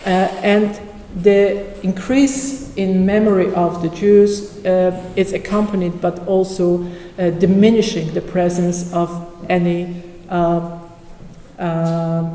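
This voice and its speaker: Slow, halting conference speaker in an echoey hall. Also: medium pitch, warm tone, a little hiss or hum. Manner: halting, with frequent pauses and fillers. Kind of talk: academic presentation with slides. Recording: echoey hall with long reverb.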